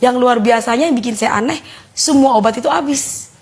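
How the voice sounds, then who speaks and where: A woman with a Betawi Jakarta accent giving a casual personal testimony, telling her story in a lively way and acting out the voices of others. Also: on the high side, brisk, husky. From Jakarta, Indonesia. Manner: animated storyteller who acts out quoted voices. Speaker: guest giving a faith testimony.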